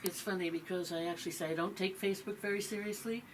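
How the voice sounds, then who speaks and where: A woman's voice: mid-range voice, quick pace, noisy background. A middle-aged woman from Massachusetts, a musician telling her story as a radio guest in a loose, filler-heavy way. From Massachusetts, USA. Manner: relaxed storytelling with many fillers. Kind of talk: radio interview.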